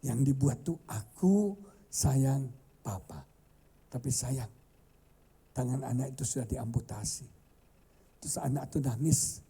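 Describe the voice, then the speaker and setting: Dark husky-voiced preacher man. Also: fairly even intonation, normal speed, pauses often. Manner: storytelling preacher, swings from loud high outbursts to hushed tones. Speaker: pastor. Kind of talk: sermon. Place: church hall.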